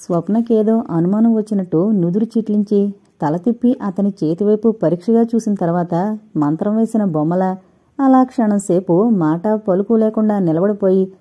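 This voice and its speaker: A woman's voice: mid-range voice, warm tone, husky. A woman reading a novel aloud as an audiobook narrator, voicing the characters' dialogue lightly in her own voice. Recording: dull lo-fi recording.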